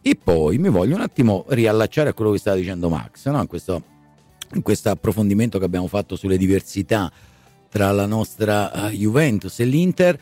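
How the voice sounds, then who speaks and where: Lively low-voiced male radio host. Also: no echo. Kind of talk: conversational live radio hosting.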